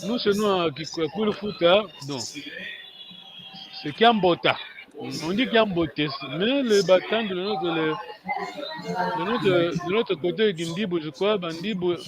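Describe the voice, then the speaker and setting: A man teaching a language lesson over a video call, patient and hesitant, with many pauses and fillers. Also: sits high, crowd noise.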